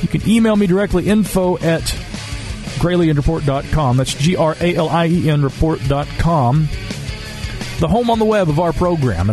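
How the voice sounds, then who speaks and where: A podcast host with a Southern American accent reads listener stories aloud, quoting them and then adding wry, conversational asides. His voice runs on the high side and is a little mellow.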